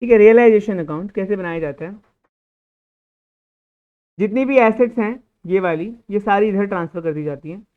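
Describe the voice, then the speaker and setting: A man teaches an accounting class in a lecture style, putting questions to the room and answering them himself. His voice is smooth and clear. The recording sounds thin and tinny, like a phone line. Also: sits high, moderate pace, long pauses. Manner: explains by asking and answering his own questions; scolds a student.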